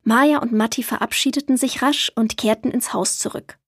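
A woman reading a children's story aloud in a lively storytelling manner. Her voice is fairly high and a little breathy, and the recording is dry and close. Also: moderate pace, no room sound. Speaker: narrator.

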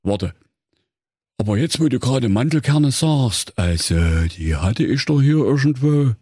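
Man doing a husky dopey bear sidekick, fumbling and blustery, lively delivery, spoof fairy tale. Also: medium pitch, measured pace, no echo, clean studio sound, voice pushed up. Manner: fumbling, sheepish excuses, sometimes blustering. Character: dim-witted, clumsy male bear sidekick. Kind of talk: comic fairy-tale parody.

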